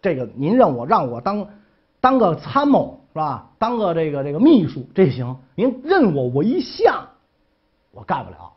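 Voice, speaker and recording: A man's voice: on the high side, wildly swooping pitch, normal speed, slightly rough, dull audio, heavily acted. A man voicing a shrewd ancient minister who speaks modestly and hesitantly. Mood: pleading.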